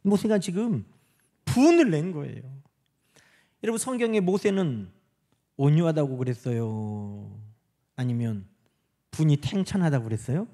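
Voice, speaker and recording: A middle-aged man preaching a sermon. His voice sits high, and its pitch rises and falls a great deal. He acts out the lines he quotes and sometimes sinks to a whisper. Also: unhurried, creaky, long pauses. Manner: animated preaching, acting out quoted speech, dropping to whispers. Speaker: pastor.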